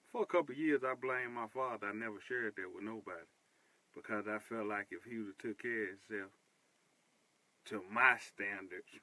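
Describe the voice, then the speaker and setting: A man hosts a personal monologue. His voice sits low and sounds bright and forceful, and he repeats himself for emphasis. The recording is dry and close. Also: no echo, poor audio. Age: 30s. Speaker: host.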